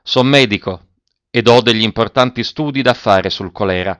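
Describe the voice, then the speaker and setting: A man's voice: lowish voice, moderate pace, a bit bright, clear, resonant tone, no room sound, studio quality, lightly acted. A man voicing a reserved doctor who speaks plainly and with restraint, in a dull lo-fi recording. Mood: resolved.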